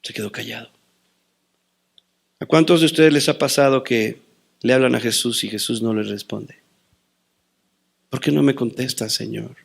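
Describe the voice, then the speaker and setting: A man preaching a sermon as pastor, quoting scripture and telling personal stories, swinging between loud declarations and hushed asides. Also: medium pitch, moderate pace, gravelly, long pauses, breathy edge.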